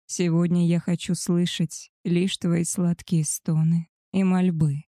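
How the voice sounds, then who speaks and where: A woman's voice: lowish voice, flat delivery, takes it slowly, dark tone, dry recording, clean studio sound. Gabriel, a woman reading a tender werewolf alpha. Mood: tender, possessive. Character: male werewolf alpha, tender and possessive lover. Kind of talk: audiobook character voice.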